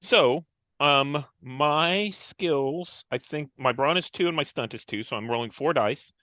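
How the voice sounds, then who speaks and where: Bright sharp guy on a dull lo-fi call, asks lots of rule questions. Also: on the high side, a little slow, no room sound. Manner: curious, asks about game rules. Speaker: player. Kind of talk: tabletop roleplaying chat.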